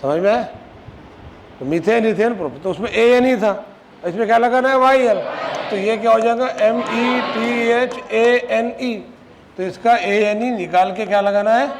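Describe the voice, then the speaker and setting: High-voiced man drilling a class. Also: moderate pace, a crowd in the background. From Maharashtra, India. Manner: scolding, drilling students with repeated questions. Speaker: chemistry teacher. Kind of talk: classroom lecture. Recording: noisy classroom recording.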